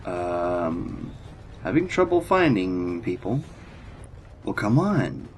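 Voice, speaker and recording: A man's voice: sits low, very animated, slow, slight background noise. A man giving casual gameplay commentary, sarcastic and grumbling as he talks back to the characters. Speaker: gamer doing a playthrough.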